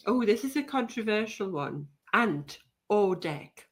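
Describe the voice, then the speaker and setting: A woman's voice: mid-range voice, animated, measured pace. A middle-aged woman from the North East co-hosting a podcast, chatting and laughing easily over a video call. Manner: giggly, warm banter. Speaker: podcast co-host. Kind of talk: casual chat.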